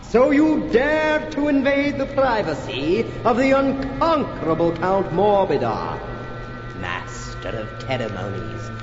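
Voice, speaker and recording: Pompous theatrical vampire count, comically sinister, grandiose declaiming, swooping intonation, reverberant campy record. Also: male voice, sits high, very animated, takes it slowly, over music, full character voice. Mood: grandly menacing. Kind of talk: campy children's novelty record acting. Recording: reverberant, slightly muffled old novelty record.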